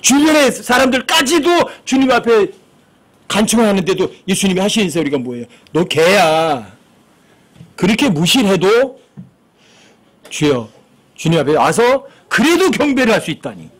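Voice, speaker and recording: A man's voice: high-pitched, sing-song, moderate pace. A man preaching a sermon as pastor, asking the congregation questions and acting out the lines he quotes.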